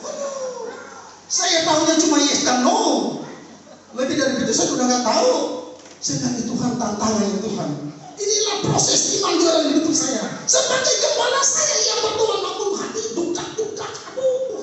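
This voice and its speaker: A male pastor preaching a sermon and telling a story, lively and emotional with frequent exclamations. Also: very high-pitched. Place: church. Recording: echoey church hall, mic far off.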